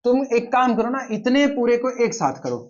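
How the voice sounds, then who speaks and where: A man teaching a math lecture, dictating steps slowly and quizzing his students as he goes. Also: extremely high pitch, sing-song, highs cut off. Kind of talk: classroom lecture.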